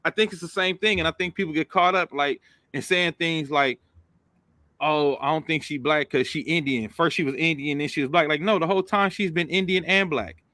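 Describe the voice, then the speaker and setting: Bright sharp-voiced guy hosting a chat, keeps pushing his question, dry close sound. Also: fairly high pitch, a little fast, dry recording. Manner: persistent, probing questions, says "bro". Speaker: podcast host. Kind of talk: casual debate chat.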